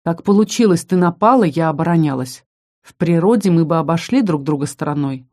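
A woman's voice: deep voice, lively intonation, brisk, warm tone. A woman voicing a stern young female fantasy warrior who talks in a firm, commanding way.

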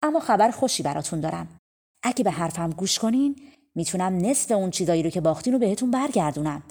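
A sly, scheming male devil from a storybook folk tale, his voice coaxing and crafty, put on by a woman narrator. He bargains in a low, confiding tone and grows shrill when he is beaten. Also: expressive, a little mellow. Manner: wheedling, then wailing in pain.

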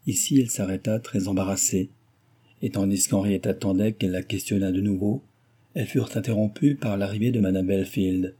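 Male narrator, classic novel, measured, husky voice, dark tone. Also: lowish voice, steady tone.

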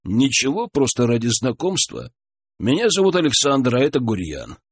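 Brief: man reading a polite, curious traveller, husky and animated. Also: mid-range voice, normal speed. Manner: calm, polite, explaining.

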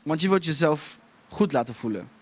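A man's voice: on the high side, expressive, normal speed. A man preaching a sermon, repeating key phrases for emphasis and laughing at his own stories. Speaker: pastor.

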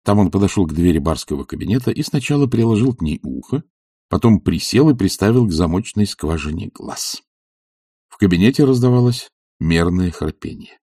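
A man reading an audiobook in a measured, expressive narration. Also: sits low, husky, no echo, studio quality. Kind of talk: scripted narration.

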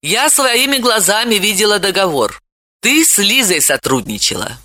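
Lady doing a sarcastic middle-aged woman, curt, kinda bright. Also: medium pitch, sing-song, normal speed, no room sound, voice pushed up. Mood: sardonic. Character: middle-aged woman writer, dry and sardonic. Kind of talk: audiobook character voice.

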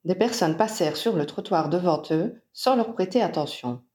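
A woman reading a story aloud in calm, even narration. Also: lowish voice, moderate pace. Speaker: reader. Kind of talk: audiobook narration of fan fiction.

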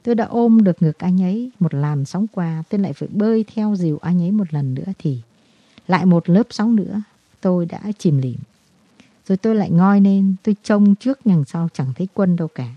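A woman voicing a guilt-ridden, despairing man who confesses in a halting, brooding way, in a storybook reading. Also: fairly low pitch, lively intonation, dry recording, highs cut off. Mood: confessional.

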